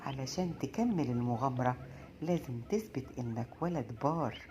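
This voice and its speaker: A friendly male rabbit in a hat from a children's storybook, as a woman narrator puts him on. He gives calm, instructive guidance in a low, even voice. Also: brisk, slight background noise.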